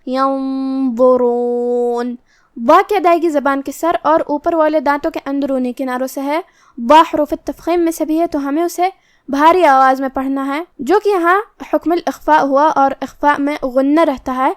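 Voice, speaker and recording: A woman teaching Quran recitation rules, explaining step by step and reciting verses slowly. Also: sits high, steady tone, dry recording, clean studio sound. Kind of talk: tajweed lesson with slow recitation.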